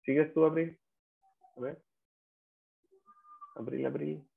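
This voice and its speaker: Un hombre que da una clase de inglés en línea, explicando con paciencia paso a paso y llamando a los alumnos por su nombre. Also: male voice, fairly high pitch, fairly even intonation, takes it slowly, gravelly. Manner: patient, explains step by step, repeats students' names. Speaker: English teacher. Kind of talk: online class instruction. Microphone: video call. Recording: tinny lo-fi call audio.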